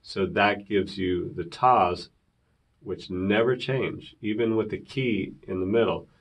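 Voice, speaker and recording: A man's voice: lowish voice, fairly even intonation, slow pace. A man teaching a beginner piano lesson, counting rhythms aloud and asking viewers to repeat after him.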